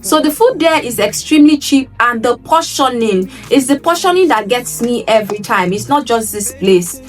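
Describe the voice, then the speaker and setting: A woman's voice: fairly high pitch, lively intonation, moderate pace. Young woman, Nigerian accent, vlog storytelling, emphatic repeats, voice set back from the mic, light music underneath. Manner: emphatic, repeats phrases for effect. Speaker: travel vlogger. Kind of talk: casual storytelling to camera. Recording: voice a little distant from the mic, soft music behind.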